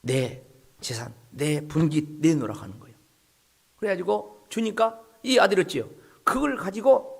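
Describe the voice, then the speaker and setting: A man's voice: fairly high pitch, creaky, husky. A male pastor preaching a sermon, telling the story dramatically and dropping at times to whispers.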